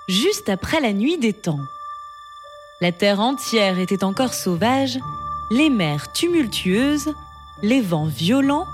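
Storyteller, female, expressive and lively, over background music. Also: medium pitch. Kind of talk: storybook narration.

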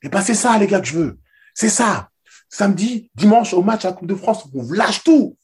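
A man's voice: on the low side, animated, normal speed, dark tone, breathy edge. A man doing a fiery basketball coach rallying players. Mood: fired up. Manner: urgent, commanding pep talk.

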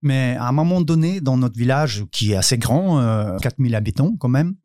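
A man's voice: medium pitch, animated, moderate pace, a little mellow, no echo, clean studio sound. Hesitant man with a ukrainian accent. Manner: hesitant, many fillers and restarts, searching for words. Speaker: guest, cabaret dancer. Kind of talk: podcast interview.

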